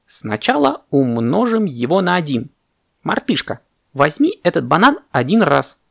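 A man's voice: on the high side, very animated, unhurried, gravelly, voice pushed up, full character voice. A man voicing a fussy, self-important male parrot teaching sums in a children's story, lecturing.

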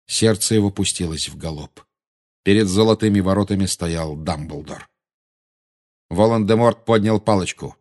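A man narrating an audiobook in a measured, dramatic reading style. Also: fairly low pitch.

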